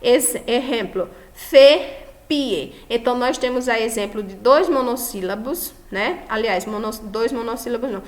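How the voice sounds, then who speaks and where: A woman's voice: fairly high pitch, normal speed, few pauses. A Brazilian woman, a Spanish teacher, giving a recorded lesson, checking in with her students and stressing each example word. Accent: Brazilian Portuguese. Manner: affectionate, checks in often with the class; stresses example words loudly.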